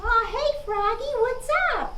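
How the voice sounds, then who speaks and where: A woman's voice: very high voice, a little slow, bright, forceful tone, full character voice. A woman voicing a cheerful, friendly little girl in a children's puppet show. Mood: friendly, chirpy. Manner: chirpy, friendly, childlike exclamations. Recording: roomy, distant mic with background noise.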